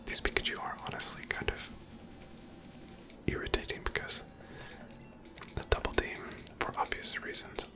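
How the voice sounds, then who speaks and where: In a breathy, completely whispered voice with hardly any tone, the speaker narrates their own video game playthrough ASMR-style. They muse gently and conversationally, taking their time.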